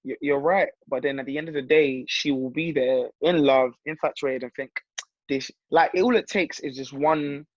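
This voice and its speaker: A man's voice: medium pitch, moderate pace, dry recording, dull audio. A man, co-hosting a casual podcast chat and mimicking others in banter. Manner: animated, mimics voices in banter. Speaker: podcast co-host.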